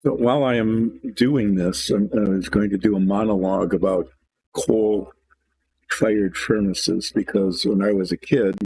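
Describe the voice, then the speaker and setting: An older man hosting a relaxed painting show, rambling and thinking aloud from his workshop as he works. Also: on the low side, a little slow. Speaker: hobby painting host. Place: home workshop.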